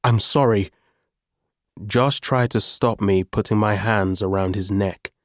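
A man's voice: lowish voice, steady tone, measured pace, slight background noise, lightly acted. A man voicing a guilty, crying teenage boy in an audiobook, pleading in broken-up phrases.

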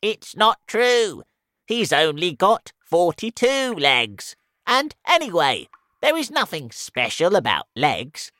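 A man voicing an indignant, complaining earthworm in a storybook reading, speaking loudly and whinily. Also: high-pitched, very animated, takes it slowly, dry recording, clean studio sound, voice pushed up, heavily acted.

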